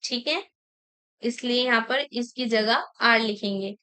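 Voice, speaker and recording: A woman teaching an exam-prep grammar lesson, slowly dictating example sentences and explaining each correction. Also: a little high, sharp tone, clear, resonant tone, low-quality recording. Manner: mixes Hindi explanation with English sentences.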